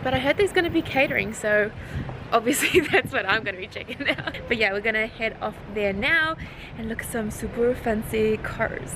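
Holding her camera at arm's length, a giggly, bubbly young Kiwi vlogger chats her way through the city and a car ride. She speaks at a moderate pace in an animated, higher voice, amid background noise and underlying music.

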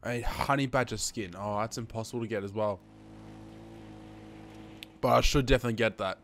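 A gaming host in his twenties, Australian-accented, swears and chats his way through gameplay commentary on a headset, calling his audience guys. His voice runs on the low side, fairly quick and a bit bright, and hay fever leaves him a little sniffly. Slight background noise can be heard.

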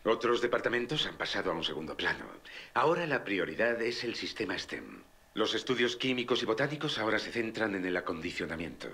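A man's voice: fairly low pitch, pushed and bright, exaggerated voice. A man playing a formal, clinical researcher dictating a project log in a video game.

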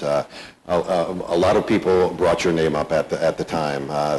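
Deep-voiced male interviewer, halting. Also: darkish tone, slight background noise, low-quality recording. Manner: halting, many fillers and restarts. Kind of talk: onstage interview questions.

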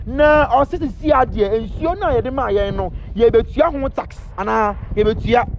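A Ghanaian man hosts celebrity gossip in a very high, gravelly voice. He rambles playfully and stays animated. The recording sounds dull and lo-fi. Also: normal speed, slight background noise. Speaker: entertainment news host. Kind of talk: casual gossip commentary mixing English and Twi.

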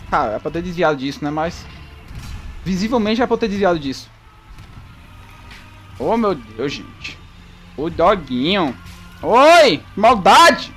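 A gaming YouTuber, giving lively live commentary while playing, yelping and teasing the enemy. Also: medium pitch. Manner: excitable, yelps and shouts at the game; talks to the enemy, playful teasing.

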